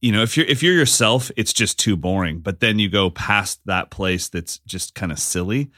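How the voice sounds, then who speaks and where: A man co-hosting a podcast in casual chat, an animated storyteller who acts out the lines he quotes. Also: on the low side, moderate pace, no echo, studio quality. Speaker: podcast co-host.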